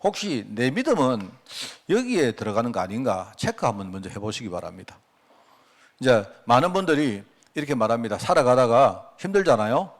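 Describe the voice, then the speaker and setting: Speaking at a fairly quick clip in a sing-song, medium-pitched voice, a middle-aged pastor gives a conversational sermon in a church sanctuary. He poses rhetorical questions and dramatizes quoted prayers along the way.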